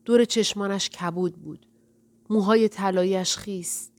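A woman reading a first-person novel aloud in a quiet, reflective way. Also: mid-range voice, steady tone. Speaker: narrator. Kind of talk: audiobook narration.

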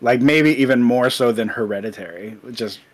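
A man co-hosting a film podcast in casual chat, enthusiastic and quick to react, with a lot of "like". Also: mid-range voice. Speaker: podcast co-host.

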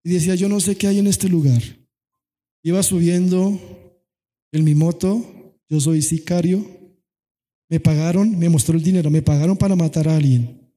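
A man's voice: on the high side, moderate pace, pauses often. Impassioned preaching man in a reverberant hall. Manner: impassioned preaching, swinging from soft to shouted, some sung phrasing. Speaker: pastor. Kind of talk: sermon. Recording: long hall reverb with faint music.

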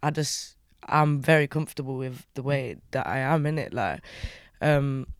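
A woman's voice: a bass voice, normal speed, dry recording, studio quality. A young woman artist with an English urban street accent, chatting casually in an interview in slangy roadman-style speech. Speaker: music artist being interviewed.

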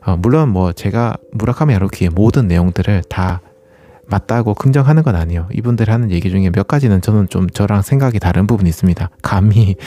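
This man hosts a running channel, and his voice sits low with a dark tone. He talks casually and politely, explaining things to his listeners and asking them questions.

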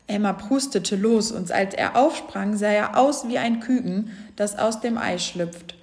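A woman reading a children's storybook aloud in a gentle, clear voice. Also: medium pitch, unhurried.

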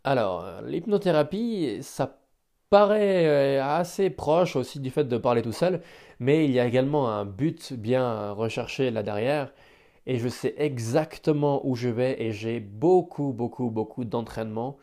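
A man improvising a solo podcast, hesitant and self-deprecating as he thinks aloud, with careful, deliberate articulation. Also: medium pitch, animated, creaky, dark tone. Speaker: amateur podcast host.

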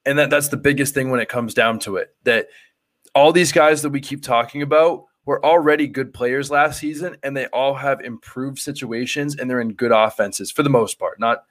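A male podcast host chats in a loose, rambling way, padding his thoughts with fillers. His voice sits at an ordinary middle pitch. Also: moderate pace, a bit bright. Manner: loose and rambling, full of "like" and "you know" fillers. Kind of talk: casual podcast interview.

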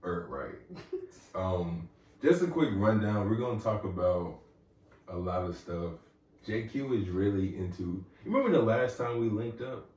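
A man's voice: fairly low pitch, animated, a little slow, darkish tone. Laid-back slangy male podcast host. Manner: loose, slangy and joking. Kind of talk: casual chat. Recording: roomy, distant mic, faint ambience.

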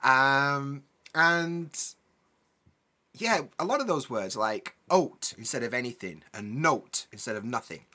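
Bright-voiced Yorkshire man, casual. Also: medium pitch, expressive, slow. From Yorkshire, northern England. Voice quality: glottal stops for t. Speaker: English teacher, podcast host. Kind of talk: casual educational chat.

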